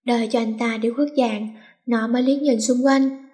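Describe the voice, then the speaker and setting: A woman narrating an audiobook story in a brisk, playful way. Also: fairly high pitch, fairly even intonation, dark tone.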